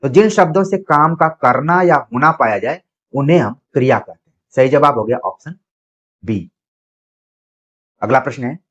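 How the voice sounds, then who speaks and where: A man coaching students for a Hindi exam. He reads each question and its options slowly, then explains the answer patiently and speaks to the students directly. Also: mid-range voice. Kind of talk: exam practice lecture.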